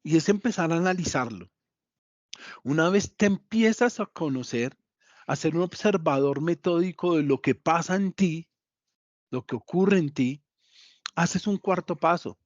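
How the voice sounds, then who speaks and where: A man's voice: on the high side, lively intonation, unhurried, dry recording, lo-fi sound. Man teaching with emphatic repetition. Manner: repeats key points for emphasis, addresses listeners directly. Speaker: psychologist giving a talk. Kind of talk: motivational lesson.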